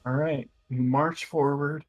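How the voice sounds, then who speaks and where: Male game master, lightish high register, stop-start tabletop storytelling over faint music. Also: fairly even intonation, a little slow, rough recording. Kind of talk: narrating a tabletop fantasy game.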